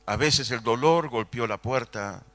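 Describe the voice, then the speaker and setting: A man's voice: medium pitch, unhurried, fairly bright tone. A man in his sixties, a pastor preaching a sermon with emphasis, repeating key phrases and asking the congregation rhetorical questions.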